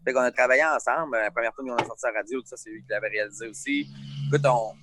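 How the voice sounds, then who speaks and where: A man with a Lac-Saint-Jean Quebec French accent, a singer chatting outdoors as a guest in a relaxed, rambling way over a remote call. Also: mid-range voice, very fast, background noise. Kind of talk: casual chat.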